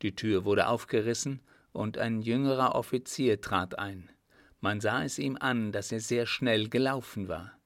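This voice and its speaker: A man narrating a novel in a measured, even reading. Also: on the low side, no echo, studio quality. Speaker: audiobook narrator. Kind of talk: scripted narration.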